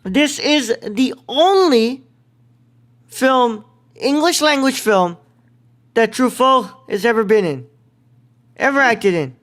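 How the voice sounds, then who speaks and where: A man's voice: very high-pitched, lively intonation, slow, pauses often, fairly bright tone. A young man hosting a casual film review podcast, rambling with many fillers and slang like "bro.". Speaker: podcast host.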